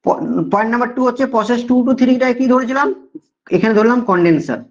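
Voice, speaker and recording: A man's voice: very high-pitched, fast. A male teacher with a Bengali accent giving a classroom lecture, repeating key points and often checking that students follow. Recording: dull lo-fi sound.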